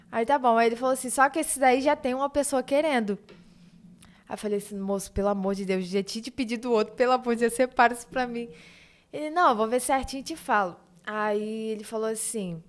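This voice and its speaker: Brief: young Brazilian woman, fairly high voice, lively anecdotal chat. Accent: Brazilian Portuguese. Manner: animated storyteller, quotes others in dialogue. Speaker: guest, eyebrow studio owner. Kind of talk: casual podcast chat.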